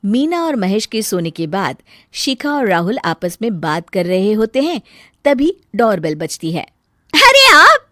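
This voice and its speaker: A woman's voice: mid-range voice, very animated, measured pace, darkish tone, no echo, clean studio sound. A woman narrating a cartoon story in plain storytelling fashion.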